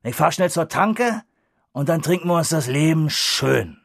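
A man's voice: on the high side, lively intonation, a little slow, gravelly, dry recording, studio quality, full character voice. A man voicing a boisterous, mocking drunkard in an audiobook reading, with a brash, raised voice.

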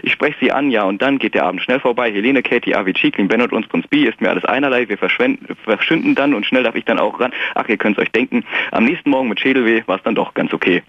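Husky male caller reciting rhyming verse. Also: medium pitch, quick pace, hardly any pauses, no room sound. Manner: hesitant with fillers in talk, rhythmic in verse. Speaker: caller reciting his poems. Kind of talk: rhythmic poetry recital on call-in radio. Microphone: telephone. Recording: dull phone-line sound.

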